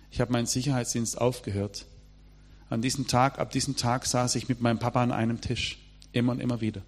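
A middle-aged man delivers a sermon. He talks emphatically and turns to address his listeners directly. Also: medium pitch. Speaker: preacher.

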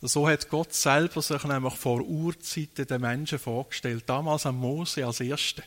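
A man's voice: mid-range voice, fairly even intonation, measured pace, fairly bright tone. A man preaching a sermon, dwelling on phrases and repeating key words for emphasis.

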